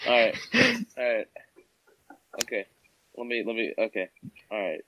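A man's voice: fairly low pitch, fairly even intonation, normal speed, highs cut off, a little hiss or hum. A teenage boy chatting on a video call, rambling and hesitant, often restarting his sentences. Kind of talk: casual chat over a video call.

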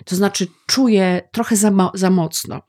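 A woman's voice: mid-range voice, steady tone, moderate pace, darkish tone. A middle-aged woman co-hosting a podcast in casual chat, emotional and tearful, rambling with many restarts. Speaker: podcast co-host.

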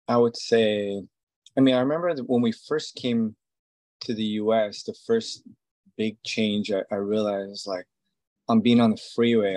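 A man's voice: lowish voice, darkish tone, no room sound. A man in his forties from Israel, a tattoo artist, talking casually in an interview and rambling with many fillers and restarts. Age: 40s.

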